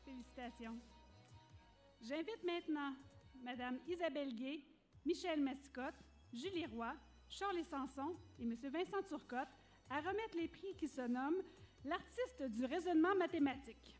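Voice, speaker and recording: A woman presenting school awards, calmly reading out teachers and winners. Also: sits high, normal speed, soft background music. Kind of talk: formal ceremony announcing.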